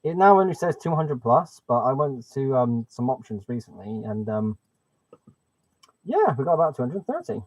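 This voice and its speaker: A man's voice: mid-range voice, sing-song, moderate pace, darkish tone, dry recording. A man chatting on a live stream and thinking aloud while fiddling with settings, his voice muffled and hollow through a webcam mic. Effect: muffled, hollow sound like talking through a pipe. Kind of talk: casual live-stream chat. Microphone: webcam microphone. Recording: dull, dry webcam mic sound.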